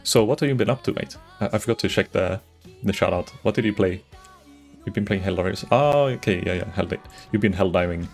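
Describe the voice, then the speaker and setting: Faint music plays behind a Swedish gamer who rambles chattily on his live stream, greeting viewers and frequently starting over. His voice is deep, brisk, and creaky.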